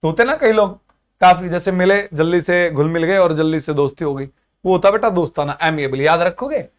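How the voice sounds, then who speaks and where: A man's voice: sits high, moderate pace. A young man teaching an exam-prep lesson, mixing Hindi and English, explaining with energy and acting out the characters.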